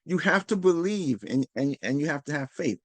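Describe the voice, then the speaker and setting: A man's voice: fairly high pitch, lively intonation, normal speed, no room sound. A man hosting a casual motivational talk, earnest and rambling, often restarting his sentences and acting out quoted dialogue. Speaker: host.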